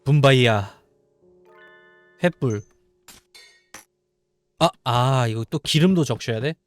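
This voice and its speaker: A man's voice: mid-range voice, slow pace, no echo, soft background music. A man playing a horror game, casually muttering to himself and reading the game text aloud. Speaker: game streamer. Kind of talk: casual let's-play commentary.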